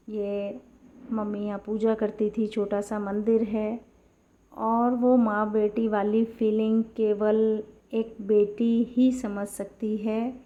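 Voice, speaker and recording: Mellow, unhurried woman narrating a vlog. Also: mid-range voice, highs cut off. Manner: soft, unhurried, even storytelling. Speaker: vlogger. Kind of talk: reflective voice-over narration.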